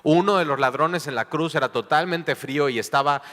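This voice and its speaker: A man's voice: fairly high pitch, a little fast, fairly bright tone, in a large hall. A Mexican man preaching a sermon, playful, acting out small everyday dialogues. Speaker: pastor.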